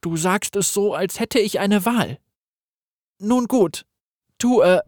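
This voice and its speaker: A scared young man, as a male storyteller puts him on, pitched well above the reader's own voice and pleading. The delivery is slow and tight with fear, recorded close and dry. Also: darkish tone, no echo. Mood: hesitant. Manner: anxious, pleading. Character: frightened young man, wounded and desperate.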